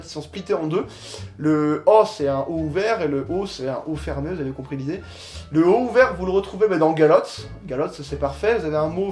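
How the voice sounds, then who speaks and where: A young man talks through a casual explainer in a relaxed, slangy way, pausing often on fillers. His voice sits a little high. The room is echoey, with faint music playing underneath. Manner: laid-back, slangy, many filler pauses. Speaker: host of a micronation channel.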